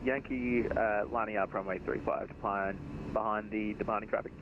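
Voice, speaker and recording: A man giving flat pilot traffic calls, heard over aviation radio through a cockpit headset. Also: fairly low pitch, moderate pace. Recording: muffled, noisy radio transmission.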